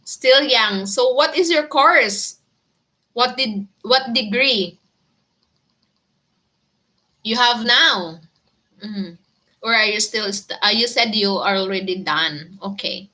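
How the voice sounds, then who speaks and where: A woman's voice: on the high side, slow, pauses often, sharp tone. A woman with a Filipino accent, chatting casually with viewers and answering their comments, giggling often. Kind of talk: casual live chat with viewers.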